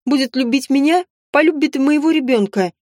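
A woman's voice: sits high, a little fast, a little mellow, no room sound, studio quality, lightly acted. A woman voicing a careless dismissive young mother. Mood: defiant. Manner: offhand and dismissive. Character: careless self-centered young mother, a sister. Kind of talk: audiobook character voicing.

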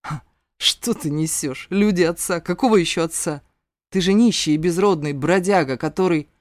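This is a gruff, stern mentor of young warriors, played by a woman reading an audiobook. He scolds and growls in a hard, clipped voice. The recording is close and dry, with no room sound. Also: deep voice, measured pace, a little mellow, no room sound.

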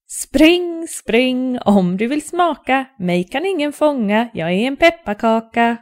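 A woman voicing a cheeky, boastful little gingerbread man in a storybook, chanting a high taunting rhyme. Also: very animated.

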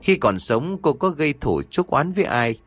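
Male storyteller for horror audio; expressive, animated pitch, dry booth. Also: moderate pace, dry recording. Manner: expressive, dramatic reading. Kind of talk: scripted horror story narration.

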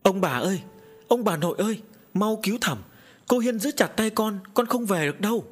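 A man voicing a stubborn little boy who talks in a fretful, high way. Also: lively intonation, fairly quick, breathy edge. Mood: crying out. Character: small boy, stubborn and pleading.

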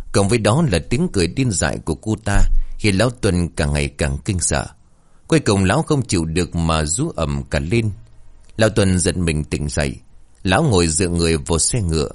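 A man narrating a horror story in a dramatic, expressive reading. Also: low-pitched.

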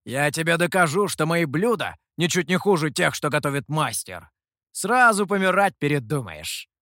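A man voicing a loud, brusque monkey demon cook in an audiobook. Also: a little high, very animated, moderate pace, dry recording, studio quality. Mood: boastful.

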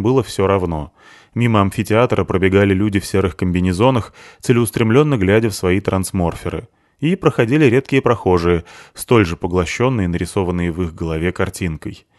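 A man reading a novel aloud as a steady audiobook narrator. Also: low voice, dry recording, clean studio sound.

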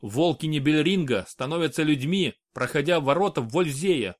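A man's voice: on the high side, expressive, moderate pace, no echo. A man reading an audiobook, voicing a grave, curt male brother once turned wolf. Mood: somber. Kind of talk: audiobook character voice.

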